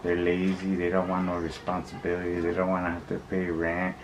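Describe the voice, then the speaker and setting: Low, monotone man, noisy recording. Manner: rambling, repetitive, halting, often backtracking; slangy, blunt street talk with swearing. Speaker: vlogger. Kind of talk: casual opinion monologue to viewers. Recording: clearly noisy recording with background ambience.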